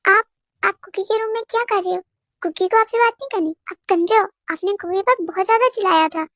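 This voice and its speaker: A stubborn, childlike young man, as a woman puts him on whines in stammering baby talk. The voice sits extremely high, and the sound is close and dry. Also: fairly quick, a bit bright, no echo. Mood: sulky. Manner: whiny, stammering baby talk, speaks of himself by name.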